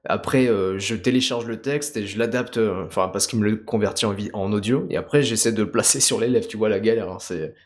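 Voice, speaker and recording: A man from France, a parody creator, chatting casually in an animated, self-mocking way with many hesitations. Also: on the low side, fairly quick, hardly any pauses. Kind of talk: casual chat.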